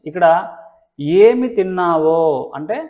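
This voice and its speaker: A man teaching English phrases, with a Telugu accent, who explains patiently and slows right down to spell out each example sentence. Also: high-pitched. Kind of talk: spoken English lesson. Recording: tinny phone-like sound.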